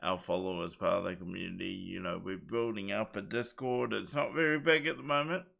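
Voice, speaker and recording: A man's voice: fairly low pitch, fairly even intonation, brisk, gravelly, fairly bright tone. A man co-hosting a livestream, chatting casually in an earnest, emphatic way. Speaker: livestream co-host.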